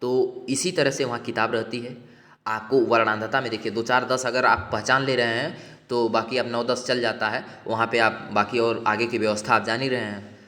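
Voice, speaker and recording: A man's voice: medium pitch, flat delivery, normal speed, pushed and bright. A man explaining medical tests to exam aspirants, reassuring them and often checking in as he goes. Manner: reassuring, repeats checks like "ठीक है". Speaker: exam prep instructor. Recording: echoey room with long reverb.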